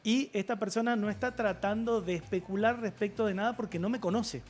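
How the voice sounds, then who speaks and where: A man, a guest sexologist on a TV talk show, explaining things in a measured way with filler pauses. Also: high-pitched. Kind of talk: TV studio interview. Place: TV studio.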